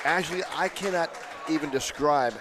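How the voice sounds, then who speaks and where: A man commentates on play enthusiastically, cracking jokes as he goes. A clear crowd and loud background noise surround his voice. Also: on the high side, normal speed. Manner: enthusiastic, joking. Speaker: color commentator.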